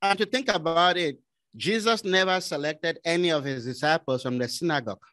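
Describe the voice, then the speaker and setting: A man from Cameroon, a business consultant and former pastor, telling his testimony in casual conversation, animated and laughing often. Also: fairly high pitch, a little fast, dry recording. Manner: animated, laughing often, acts out his own quoted lines. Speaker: guest.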